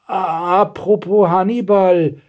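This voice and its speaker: A man voicing a cheeky, excitable young girl who gushes and stammers, in a storybook reading. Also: high-pitched, normal speed, pitched above the performer's own voice. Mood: excited. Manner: stammering, gushing.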